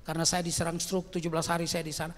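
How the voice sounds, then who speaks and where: An older man preaching as pastor in a large church, shifting from quiet storytelling to loud shouted exclamations. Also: on the high side, completely flat delivery, very fast. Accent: Indonesian. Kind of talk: sermon. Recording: long church hall reverb.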